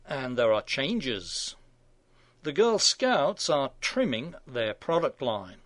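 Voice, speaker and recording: A man's voice: on the high side, no room sound. A man in his sixties, hosting a scripted opinion commentary with dry, sardonic asides. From England. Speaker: radio commentary host.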